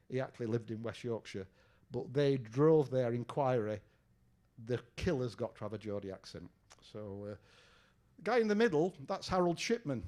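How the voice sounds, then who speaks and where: A man's voice: mid-range voice, darkish tone. An older English man, a retired detective, giving a conversational lecture with fillers and questions to the audience. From England. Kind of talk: lecture presentation. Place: lecture room.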